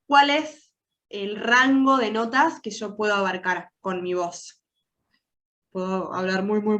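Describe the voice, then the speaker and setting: Here the same kind of speaker, a woman trainer in soft skills, has a higher, fairly bright voice and a Rioplatense Argentine accent. Stuffed up and nasal with a cold, she leads an online workshop and keeps asking the participants questions.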